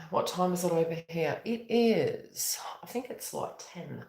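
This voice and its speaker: During a live-streamed spiritual reading, a tarot reader and astrologer from New Zealand talks in a weary, rambling fashion, often correcting herself. Her voice is on the low side and a little mellow, with vocal fry, lively intonation and a slow pace, in a roomy-sounding space.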